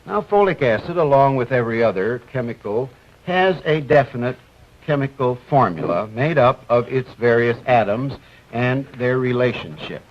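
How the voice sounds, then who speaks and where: A physician presenting medical research on a 1950s TV broadcast, explaining step by step with many hesitant "uh" fillers. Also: male voice, mid-range voice, expressive, moderate pace. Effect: 1950s TV broadcast sound. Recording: dull lo-fi old TV audio, faint hiss.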